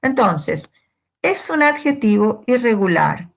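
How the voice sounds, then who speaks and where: A woman's voice: on the high side, sing-song, slow, vocal fry. A woman teaching English grammar step by step, patiently asking questions and answering them herself. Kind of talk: slow, step-by-step grammar lesson.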